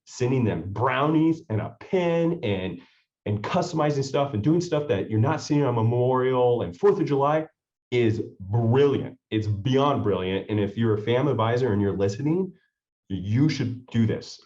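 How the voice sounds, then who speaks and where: A man's voice: mid-range voice, darkish tone. A man hosting a podcast, talking in an enthusiastic and rambling way. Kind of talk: casual podcast chat. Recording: dull lo-fi sound.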